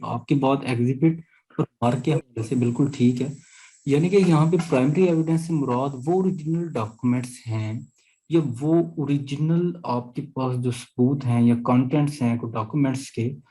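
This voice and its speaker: On a poor-quality recording, a man of medium pitch and dark tone teaches law with a Pakistani accent. He walks students through the material one step at a time, pausing often to confirm understanding and fielding their questions during the lecture.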